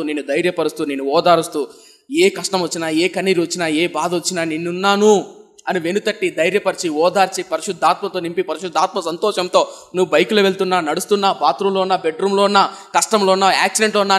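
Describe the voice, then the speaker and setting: A young man from Andhra Pradesh, India, preaching a sermon, asking the congregation rhetorical questions and swinging between loud emphatic lines and soft low passages. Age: young adult.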